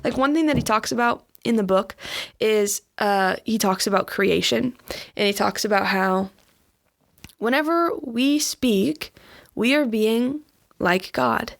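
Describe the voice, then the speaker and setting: A woman's voice: fairly high pitch, unhurried, gravelly. A woman co-hosting a faith podcast, speaking in an earnest, reflective way in casual chat. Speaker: podcast co-host.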